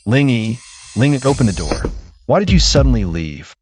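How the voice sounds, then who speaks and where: A man's voice: on the low side, huge pitch swings, moderate pace, darkish tone, slight background noise. A man acting a contrite boyfriend in a melodramatic screen drama, pleading with his ex for another chance. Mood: urgent pleading. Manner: pleading, begging a partner to come back. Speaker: male lead in a drama.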